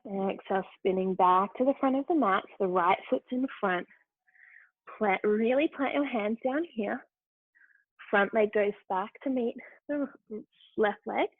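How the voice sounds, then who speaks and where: A woman's voice: medium pitch, a little slow, no echo. A woman guides a yoga class with brief, upbeat cues for breath and posture. Her voice comes through narrow and tinny, like a phone line, with a dry, close sound and no room around it. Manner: short encouraging movement cues. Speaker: yoga instructor.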